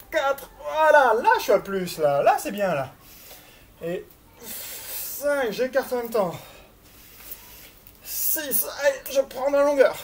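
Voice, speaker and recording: A woman leads a workout at an unhurried pace, counting reps and thinking aloud in a chatty, encouraging way. She sounds physically at work as she speaks. Some background noise sits behind her voice. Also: mid-range voice, darkish tone. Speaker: fitness instructor leading a workout.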